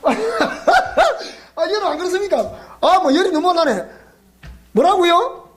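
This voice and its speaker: A man's voice: very high voice, fairly quick, fairly bright tone. A male pastor with a Gyeongsang accent, preaching in a joking way, quizzing the congregation and laughing often. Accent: Gyeongsang Korean. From South Gyeongsang, Korea. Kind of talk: sermon at a weeknight Bible school. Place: church.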